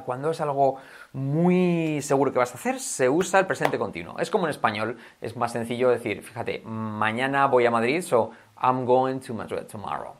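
A man from Spain with a Spanish accent, teaching English in a chatty, lively video lesson, repeating examples slowly and clearly. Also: medium pitch. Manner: switches between Spanish and English, repeats examples with drawn-out pronunciation.

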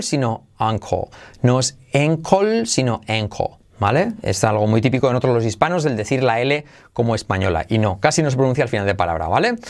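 Lively man teaching English in Spanish. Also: medium pitch. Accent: Spain. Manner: lively, playful, repeats words for drilling. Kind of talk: podcast lesson.

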